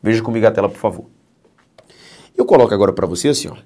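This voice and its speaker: A man's voice: lowish voice, lively intonation, very fast, mellow. A man with a Brazilian Portuguese accent teaching grammar in a recorded exam-prep lecture, speaking emphatically and often checking in with "ok?".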